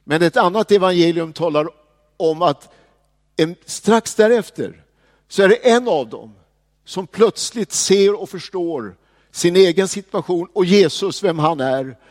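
A man delivers a sermon in a fairly high voice, moving between quiet, drawn-out passages and ringing proclamations. His voice carries a long reverb, as if in a large church hall. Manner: swings from hushed to proclaiming. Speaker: preacher.

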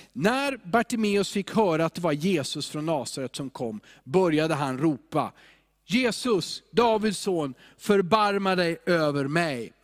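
A man preaching a sermon, earnest, now and then rising to loud cries as he quotes a prayer. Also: a little high.

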